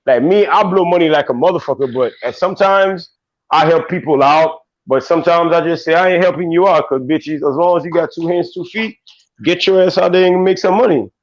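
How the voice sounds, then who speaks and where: A man's voice: fairly high pitch, fairly quick, dry recording. Blunt, profane Haitian-born man. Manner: blunt, profane storyteller with many fillers. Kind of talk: casual streamed chat. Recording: dull lo-fi stream audio.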